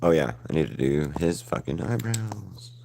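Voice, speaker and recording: This live-streaming painter is a man in his thirties from the Southern US, with a mild accent and a deep, creaky voice full of lively intonation. He rambles and curses casually at a moderate pace, and the recording is very noisy.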